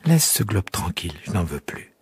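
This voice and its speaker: A man's voice: low-pitched, big pitch swings, moderate pace, darkish tone, breathy edge, no echo, full character voice. A man voicing a proud, fragile female flower in an audiobook, tender while hiding tears. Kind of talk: audiobook character voice.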